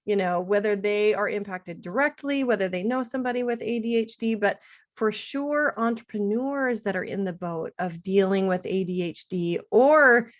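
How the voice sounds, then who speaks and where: A woman's voice: mid-range voice, moderate pace. A middle-aged woman hosting a podcast interview, chatty and enthusiastic, laughing often. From United States, Seattle-based. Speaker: podcast host, attorney. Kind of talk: casual interview chat.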